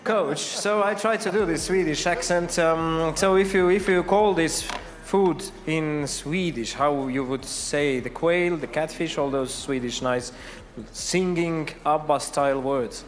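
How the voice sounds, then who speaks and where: A man's voice: fairly high pitch, a little slow, few pauses. Playful male host in a big hall. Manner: playful, joking questions. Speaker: event host and interviewer. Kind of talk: live on-site interview. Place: large competition hall. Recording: reverberant arena hall.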